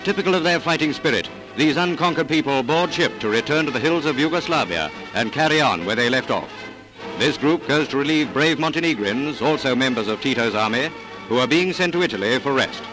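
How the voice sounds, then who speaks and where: A man's voice: a little high, expressive, brisk, low-quality recording. A man giving a stirring, upbeat 1940s newsreel narration, played from an old newsreel soundtrack. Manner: stirring, upbeat announcer delivery. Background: music.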